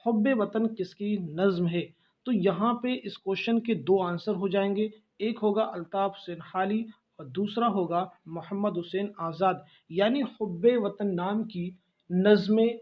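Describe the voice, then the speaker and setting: A man's voice: sits high, muffled recording. A male teacher running an exam-prep lesson, reading out quiz questions and repeating the key answers.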